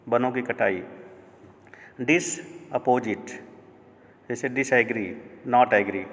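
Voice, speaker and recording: A male teacher explains word parts one by one, pausing over each piece. He speaks at a very slow, measured pace at a middling pitch. His voice carries a long, reverberant echo. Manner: slow, deliberate, spelling out word parts and glossing them in Hindi. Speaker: English teacher. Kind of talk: YouTube grammar lesson.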